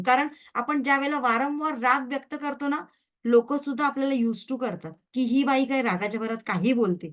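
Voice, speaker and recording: Woman teaching a class, fairly high voice. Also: fairly bright tone. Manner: keeps checking in with listeners with rhetorical questions; switches freely into English words and phrases. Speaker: Reiki teacher. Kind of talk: online training class lecture.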